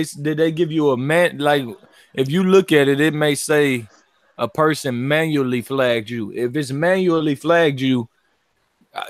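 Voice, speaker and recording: Profane, animated man in a dry, close sound. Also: dry recording. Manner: animated, profane, jumps up in pitch when excited. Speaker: boxing livestream co-host. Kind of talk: casual chat.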